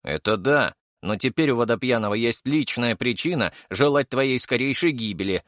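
A man's voice: mid-range voice, animated, moderate pace, fairly bright tone, no echo, clean studio sound, close to an everyday voice. A man reading an audiobook and voicing a gloomy, irritable young male comrade who sighs and grumbles. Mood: sour. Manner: sighing, sour, irritable.

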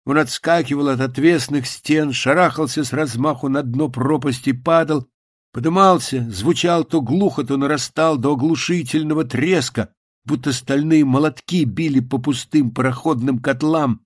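A man reading a story aloud, calm and measured, dropping his voice low for the quiet lines. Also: dry recording, studio quality. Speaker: narrator. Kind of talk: audiobook reading.

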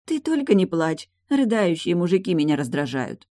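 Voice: mid-range voice, big pitch swings, normal speed, mellow, no room sound, studio quality, pitched above the performer's own voice, lightly acted. A reader voicing a bitter, mocking young woman who was badly injured, sarcastic and cutting in an audiobook dialogue.

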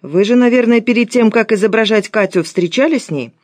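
A woman reading an audiobook, voicing a calm, wry male private detective in a measured, soft tone. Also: a little high, dry recording, clean studio sound, pitched above the performer's own voice, close to an everyday voice.

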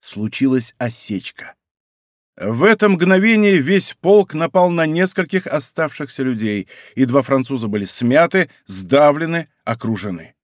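Expressive male audiobook narrator, mid-range voice, dry booth. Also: medium pitch, unhurried, no echo. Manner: expressive, theatrical.

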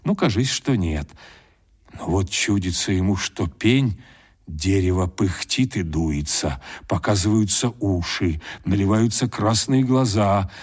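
A man reading a classic tale aloud as an audiobook, telling it in a lively, suspenseful way. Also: sits low, husky. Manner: lively storytelling, builds suspense with pauses. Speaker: audiobook reader. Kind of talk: expressive literary narration.

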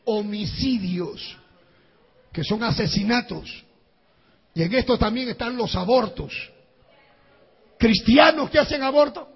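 A male pastor preaching an animated sermon in a raspy, gravelly voice, acting out scenes and breaking into shouts. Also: very high voice, a little slow, pauses often. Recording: echoey hall, dull lo-fi sound.

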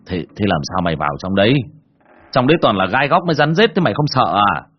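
A man voicing a worried village uncle who speaks quietly and gravely. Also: on the low side, big pitch swings, fast, highs cut off. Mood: grim. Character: worried village uncle, grim and low-voiced.

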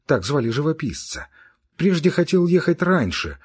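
A man voicing a gentle, calm young woman in an audiobook reading, speaking in a soothing, patient way. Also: fairly high pitch, moderate pace, husky, voice pushed up.

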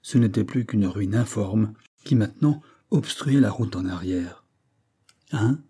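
A man narrating a classic adventure novel as an audiobook, in a steady, measured storytelling manner. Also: on the low side, slightly rough.

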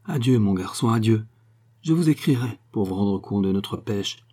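A man's voice: on the low side, lively intonation, normal speed, warm tone, husky. Male reader as an evasive, breezy captain friend.

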